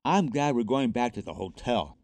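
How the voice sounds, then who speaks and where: Man doing eager young boy, excitable, pleading, lively storybook voice. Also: mid-range voice, moderate pace, dry recording, natural voice. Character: excited young boy who performs with his dog.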